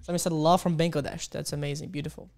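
This coding instructor, a young Ukrainian man, talks rapid-fire in a level, creaky, darkish voice during his livestream. Typing and chatting with viewers, he sounds upbeat and exclamatory, with "boom" and "beautiful" coming up again and again. The setup is a small home studio with a studio mic on an arm and headphones.

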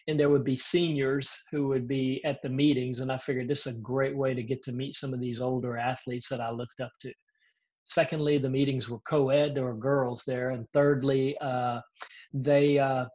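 A man around sixty with a slight Southern US accent, a pastor telling his personal testimony in an earnest, casual way with frequent fillers, talking from his living room on a video call with earbuds. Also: medium pitch. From Israel. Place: home living room, indoors. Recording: dull lo-fi video call audio.

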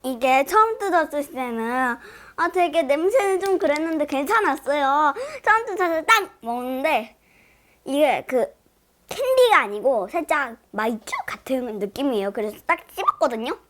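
A woman with a high-pitched voice hosts a casual food challenge. Her intonation swings widely as she talks to viewers. She whines and exclaims in exaggerated sour-face reactions. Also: lively intonation, normal speed, a bit bright. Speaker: host of a candy tasting challenge. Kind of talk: casual mukbang chat to viewers.

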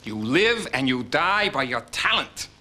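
A man's voice: mid-range voice, sing-song, a little slow, pushed and bright, exaggerated voice. An actor playing a domineering, scornful rich father who lectures his grown daughter. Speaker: overbearing father.

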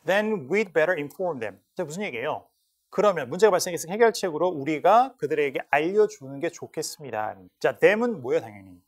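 A man teaching an English test class in a lecture style, repeating words aloud to model how they are said. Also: fairly high pitch. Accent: Korean. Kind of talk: lecture explaining listening questions.

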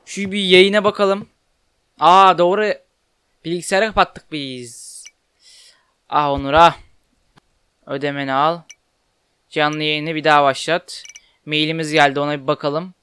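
A young man giving casual commentary while playing a game, chatty and quick to get frustrated and swear at it. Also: fairly high pitch, level tone, pushed and bright, clear, resonant tone, no room sound. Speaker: gaming YouTuber. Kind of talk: casual Let's Play commentary.

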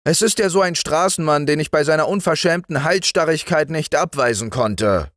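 A man voicing a defiant, scolding farmer's wife with a shrill, quick delivery. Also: fairly bright tone, no room sound, clean studio sound, lightly acted.

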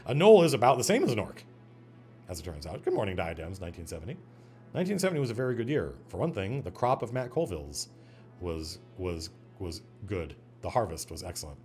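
A man hosts a casual stream about game mastering. He talks in an animated, digressive way, restarting his sentences often. His pitch swings widely, and faint music plays behind him. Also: brisk.

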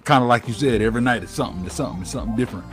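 Talking very fast in a mid-range voice, a man in his late 30s hosts a casual, slangy interview full of repeated phrases. He joins a video call from an indoor room at home through wired earphones, music audible in the background.

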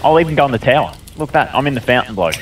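A man's voice: mid-range voice, animated, racing. A young man gaming with friends, trash-talking cockily. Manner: cocky trash talk. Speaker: gamer in voice chat. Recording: faint background noise, distant mic.

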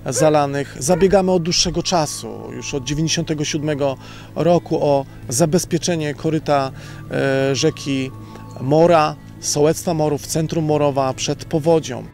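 A man in his forties speaks haltingly in a slightly high, creaky voice. He is being interviewed outdoors, with faint music behind. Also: fairly even intonation, a little mellow. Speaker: local representative interviewee. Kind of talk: interview answer. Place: outdoors on a village road. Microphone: handheld microphone.

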